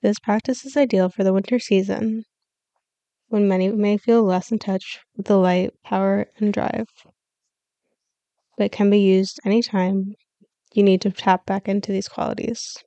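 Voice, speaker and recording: This is a scripted guided meditation led by a woman in the role of a yoga nidra teacher, whose instructions are calm, soothing, measured, and punctuated by pauses. Her mid-range voice comes through a muffled recording with no echo.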